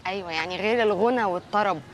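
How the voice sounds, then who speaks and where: A woman's voice: medium pitch, racing, dull audio, slight background noise, natural voice. A woman with an Egyptian accent, chatting and asking naive questions in a comedy series. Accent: Egyptian Arabic.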